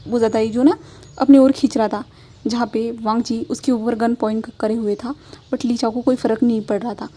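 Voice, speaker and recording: A woman's voice: on the high side, dark tone, breathy edge. A woman retelling a fan fiction story as narrator, with many repeated filler phrases.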